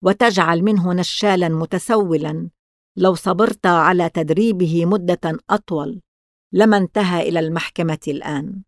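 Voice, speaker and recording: A woman's voice: fairly low pitch, normal speed, dry recording, natural voice. Sinister mocking stranger in a storybook, dry and close, as a woman narrator puts him on. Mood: sneering. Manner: sneering, curt. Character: sinister mysterious man, sneering and easily frightened.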